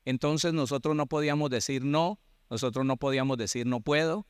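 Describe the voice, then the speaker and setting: A man in his sixties with a Colombian accent, preaching a sermon that retells personal stories in an animated way, with repetition and acted-out dialogue. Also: mid-range voice, a little fast, clear, resonant tone, no room sound, clean studio sound. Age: 60s. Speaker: pastor.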